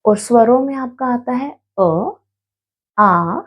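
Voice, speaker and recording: A woman's voice: a little high, expressive, takes it slowly, breathy edge. A woman teaching a Hindi grammar lesson, explaining patiently, sounding out letters one by one and checking in with her students. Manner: explains patiently, repeats letters aloud and checks in with "theek hai"; addresses students as "beta".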